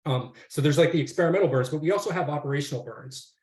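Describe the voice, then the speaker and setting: Guy talking fast on a webinar, lots of um and like, roomy echo. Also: on the high side, darkish tone. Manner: rambling, many fillers and restarts. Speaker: university forestry faculty panelist. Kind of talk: casual webinar talk.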